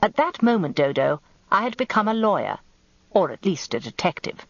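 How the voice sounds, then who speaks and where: Narrating a radio drama in the first person, an English-accented actress plays a lawyer's wife, observant and wry, who turns amateur detective and confides her tale. Her medium-pitched voice swings widely at a moderate pace, without echo, on a dull lo-fi radio recording.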